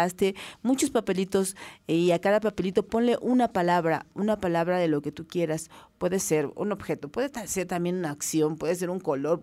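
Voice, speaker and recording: A woman's voice: medium pitch, darkish tone. A woman hosting a children's community radio show, speaking cheerfully to kids at home and laughing often.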